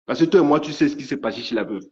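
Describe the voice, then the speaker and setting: Man, angry live rant, threatening, repeats himself, medium pitch, muffled lo-fi audio. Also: lively intonation, very fast, darkish tone. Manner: threatening, repetitive, stammering. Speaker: live streamer. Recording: dull lo-fi stream audio.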